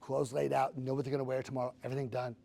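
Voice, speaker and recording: A man in his fifties talks through a personal story with earnest feeling, often slipping in a casual "like." His voice is gravelly with a husky edge, pitched in a middling range. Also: little pitch movement, rapid-fire, mellow. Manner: earnest and emotional, with casual "like" fillers. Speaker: guest sharing his story.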